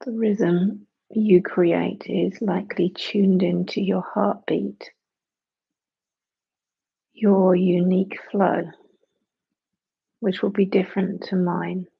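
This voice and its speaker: Slow, very creaky, breathy meditation guide. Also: medium pitch, flat delivery, dull audio. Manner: hushed, unhurried instruction with long pauses.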